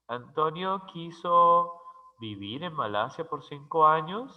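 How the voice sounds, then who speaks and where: Male language teacher, unhurried and methodical, repeats each example; dull recording with a lingering echo. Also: on the high side, lively intonation. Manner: spells out letters and repeats example words slowly. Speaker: English teacher. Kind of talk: slow, careful grammar lesson. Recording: dull, lo-fi sound with long reverb.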